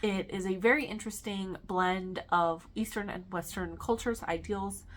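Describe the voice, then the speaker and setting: A woman's voice: medium pitch, fairly even intonation, moderate pace, a little hiss or hum. A woman, a teacher, chatting casually and enthusiastically about books she loves, with lots of ums and some swearing. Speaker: book vlogger. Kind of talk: casual book review chat.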